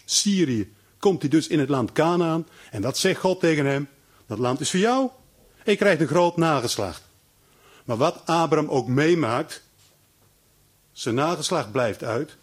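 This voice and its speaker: Husky-voiced Dutch-speaking man preaching. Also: fairly high pitch. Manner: animated storytelling with acted-out voices and repeated stammered restarts. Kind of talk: sermon.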